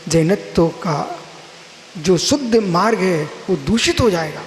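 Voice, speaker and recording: A man's voice: high voice, expressive, unhurried. A man, a Jain monk, giving a sermon and explaining word roots, asking and answering his own questions. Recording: roomy hall echo with faint hiss.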